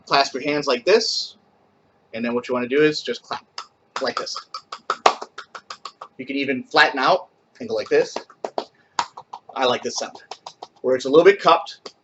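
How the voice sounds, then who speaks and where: Bright-voiced man teaching a camp chant. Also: mid-range voice, moderate pace, pauses often, lo-fi sound, slight background noise. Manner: chatty, explains step by step, bursts into loud chanting. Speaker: camp song leader teaching a skit. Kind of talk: casual instructional video, chanting call-and-response. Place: at home.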